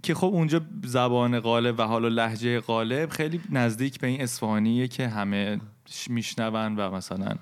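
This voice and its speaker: Man, light Isfahani accent, reflective storyteller in a casual podcast chat, mid-pitched voice. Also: hardly any pauses, clear, resonant tone. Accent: Persian, light Isfahani. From Isfahan, Iran. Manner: reflective, hesitant, laughs at himself.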